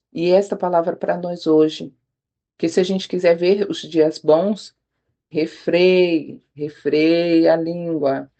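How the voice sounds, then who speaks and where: Earnest woman giving a devotional. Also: on the low side. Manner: earnest, addresses listeners as "queridas". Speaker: devotional speaker. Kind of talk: spontaneous devotional talk.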